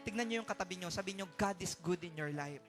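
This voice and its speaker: A male pastor with a Filipino accent preaching a sermon with a personal testimony, moving between soft storytelling and loud calls for amens. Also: sits high, fast talker, faint music behind. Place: church sanctuary.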